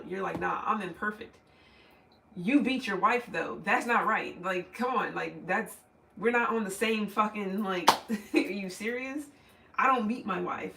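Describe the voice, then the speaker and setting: A man's voice: sits high, gravelly, pushed and bright, echoey room, far from the mic, a little hiss or hum, poor audio. A man giving a casual, rambling tarot reading, swearing freely and laughing often. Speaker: tarot reader.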